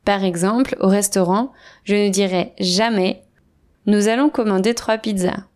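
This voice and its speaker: French teacher lady explaining stuff slow and clear, mid-pitched voice, podcast lesson vibe. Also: darkish tone. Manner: clear, deliberate explaining with spoken examples. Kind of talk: scripted language lesson.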